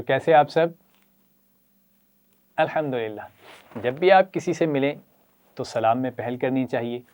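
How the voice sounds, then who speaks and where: A man with a Pakistani Urdu accent leads a children's Quran reading lesson. He keeps up steady praise and has the class repeat letters after him. His voice is dark and mellow. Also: mid-range voice. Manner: encouraging, praises often and leads repetition.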